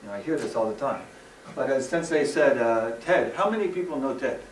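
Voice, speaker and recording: A man from the West Coast of the United States giving a lively, joking stage presentation in plain, simple English. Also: mid-range voice, a little fast, slight background noise. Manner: lively, jokey, simple English for a Japanese audience. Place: large hall, recorded from afar. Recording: echoey hall, far from the mic.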